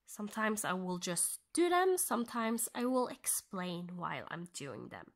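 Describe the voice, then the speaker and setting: A Norwegian woman speaking English as a second language, with a Norwegian accent, explains her cross-stitching in a casual stitch-along tutorial. Her fairly low voice is soft and half-whispered yet swings widely in pitch, and she pauses as she thinks aloud.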